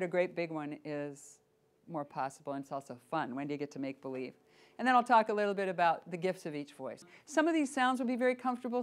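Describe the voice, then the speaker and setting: A middle-aged woman leading a voice workshop, playful and lively, demonstrating sounds and asking her group questions. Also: medium pitch. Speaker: voice workshop teacher. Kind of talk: workshop teaching.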